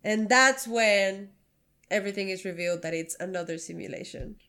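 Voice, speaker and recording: A woman's voice: medium pitch, normal speed, sharp tone. A woman co-hosting a podcast, recapping an episode casually, chatty and a bit profane. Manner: chatty, laughs along, profane. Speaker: podcast co-host.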